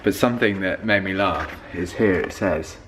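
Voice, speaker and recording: A man's voice: low-pitched, moderate pace, noisy background. A young man, chatting casually to camera in a rambling, filler-heavy vlog. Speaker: vlogger.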